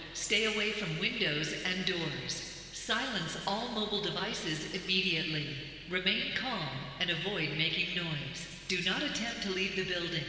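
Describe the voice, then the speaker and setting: A high, very bright male voice booms through a mall's public-address loudspeaker, carrying an emergency alert. It rings out in a cavernous hall with long reverb, and a faint hum sits beneath it. Each command comes out calm and measured. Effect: mall public-address loudspeaker. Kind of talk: scripted emergency announcement. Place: shopping mall. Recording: echoey loudspeaker in a large hall.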